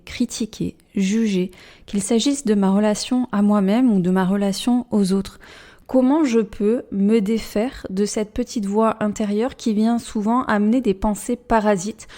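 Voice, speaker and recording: Gentle, mellow-voiced woman podcast host. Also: medium pitch. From France. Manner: gentle, measured delivery. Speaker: life coach and podcast host. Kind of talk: calm self-help podcast talk.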